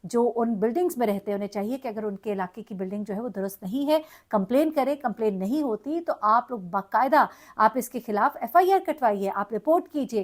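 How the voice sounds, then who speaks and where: A woman, reporting and commenting on a tragic local incident in an earnest, grieving way with many hesitations. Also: medium pitch. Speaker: news vlogger. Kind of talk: emotional news commentary.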